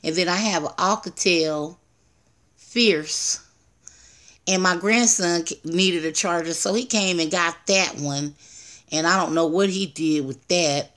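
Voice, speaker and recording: A woman's voice: fairly low pitch, a little slow, a bit bright. An older woman chatting casually on a live stream at home through her tablet's built-in mic, rambling, greeting viewers and laughing at herself. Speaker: livestreamer.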